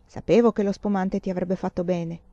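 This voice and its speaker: A suave young man, coaxing and sure of himself, as a woman reads him aloud in a storybook. The voice is mellow and dark, and the recording is dry and a little muffled. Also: fairly low pitch, steady tone, fairly quick, dry recording, natural voice.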